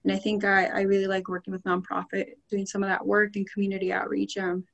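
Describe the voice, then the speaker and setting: A woman's voice: mid-range voice, monotone, fast, gravelly, fairly bright tone, dull audio. A woman in her twenties from Michoacan, Mexico, giving an earnest personal introduction.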